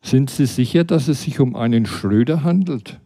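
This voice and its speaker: A man voicing a calm female shop clerk on a speakerphone, slow and matter-of-fact. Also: mid-range voice, vocal fry. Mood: gelassen.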